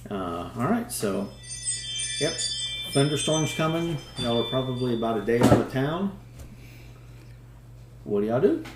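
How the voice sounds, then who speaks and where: A man running a tabletop game as dungeon master, relaxed and drawling, laughing often. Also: mid-range voice, unhurried, long pauses, roomy sound, loud music behind the voice.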